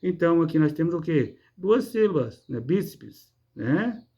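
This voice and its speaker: A man's voice: a little high, very animated, measured pace, mellow, slightly rough, dull audio. A man teaching a lesson on word stress, explaining patiently, asking himself rhetorical questions and answering them, with frequent checking tags. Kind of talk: online class lesson.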